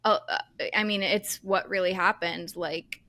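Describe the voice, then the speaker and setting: A woman's voice: mid-range voice, fairly even intonation, measured pace, bright, forceful tone. A woman co-hosting a podcast in casual chat, telling candid stories with lots of fillers. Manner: chatty, candid storytelling with many fillers. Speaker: podcast co-host.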